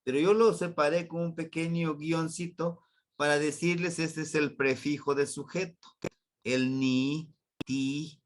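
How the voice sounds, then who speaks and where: Slow, patient man teaching a language. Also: a little high, fairly even intonation. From Mexico. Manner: slow, patient, repeats words for students. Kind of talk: online grammar lesson.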